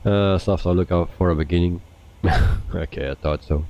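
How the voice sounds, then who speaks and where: A man with a very low, dark voice talks casually to his live-stream viewers. He keeps a relaxed, chatty pace and stops often to hesitate mid-sentence. His tone stays soft and unhurried. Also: muffled recording, slight background noise. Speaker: flight sim livestreamer.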